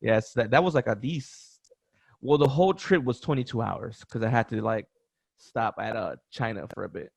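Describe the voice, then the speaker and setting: A man's voice: mid-range voice, normal speed, creaky, husky, no room sound. A man with an American accent hosting an interview show, talking in a laid-back, slangy way and repeating his phrases. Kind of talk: casual interview chat.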